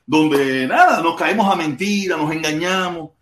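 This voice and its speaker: A man's voice: a little high, measured pace, fairly bright tone, echoey room. A man with a Cuban accent hosting a casual livestream and reading viewer comments. He rambles, repeats himself and curses crudely. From Cuba. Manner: rambling and repetitive, crude cursing. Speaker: livestream host.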